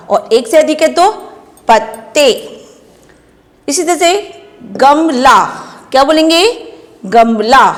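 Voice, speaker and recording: Slow, patient woman teacher, echoing room. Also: high voice. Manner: patient, repeats questions and answers for children. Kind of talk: primary school Hindi lesson.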